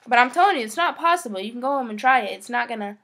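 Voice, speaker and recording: A woman's voice: a little high, expressive, racing, fairly bright tone, slight background noise. A young woman in her teens making a casual home vlog, chatty and frustrated, swearing often. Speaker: vlogger.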